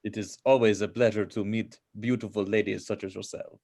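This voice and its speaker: A man playing a charming, gallant elderly Cuban gentleman in an amateur sitcom table read. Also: on the low side, fairly even intonation, brisk. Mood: courtly. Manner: courtly, gallant.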